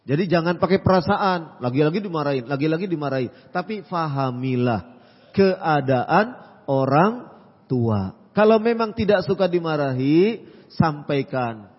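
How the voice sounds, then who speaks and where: Male preacher, Q&A lecture, calm and repetitive, highish voice, dull lo-fi recording. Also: unhurried, long reverb tail. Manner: calm, advising, repeats phrases with frequent "ya". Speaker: Islamic preacher answering questions. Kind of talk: religious Q&A lecture.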